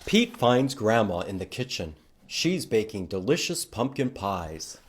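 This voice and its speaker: A man runs a library storytime for little kids, with read-alouds, counting songs, and prompting questions, all in an exaggerated sing-song delivery. His lowish voice swings widely in pitch at a measured pace, and there's a slight hiss or hum on the recording.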